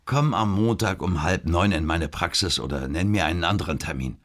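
A man reading an audiobook and voicing a self-assured, teasing male doctor who is a womanizer, with a husky voice. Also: low voice, brisk, a bit bright. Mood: curt. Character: smug middle-aged male doctor, womanizer. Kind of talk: audiobook character voice.

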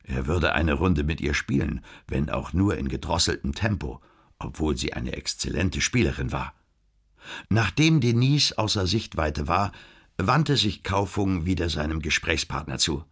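A man narrating an audiobook in a steady, measured way, with a husky voice. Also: a bass voice.

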